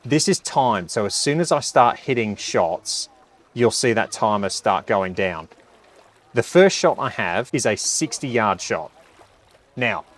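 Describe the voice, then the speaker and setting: A man giving a casual hands-on review, chatting and reacting aloud as he plays. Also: lowish voice. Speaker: product reviewer.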